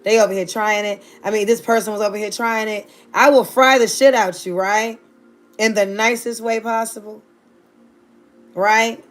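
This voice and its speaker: A sassy, playful livestreamer, this Virginia woman in her thirties speaks directly to her chat. She uses a medium pitch, fairly even intonation, and a moderate pace.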